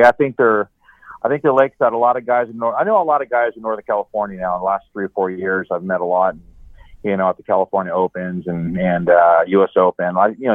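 A man's voice: lowish voice, no room sound. A middle-aged man calling in on speakerphone from home, chatting in an easygoing, rambling way and chuckling now and then. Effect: on speakerphone over a phone call. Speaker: guest angler calling in. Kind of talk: casual chat. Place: his home. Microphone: cell phone on speakerphone. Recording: tinny dry phone line.

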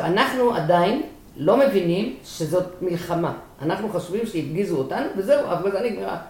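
Older lady telling her war story, gets worked up, echoey room. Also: low-pitched. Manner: emotional storytelling, acts out quoted shouts. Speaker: interviewee. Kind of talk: recounting a personal war memory.

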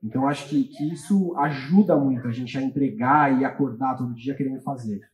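A man speaking as a podcast guest in a measured, reflective way. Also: mid-range voice. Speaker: guest, business partner. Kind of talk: podcast interview. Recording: distant from mic in echoey room.

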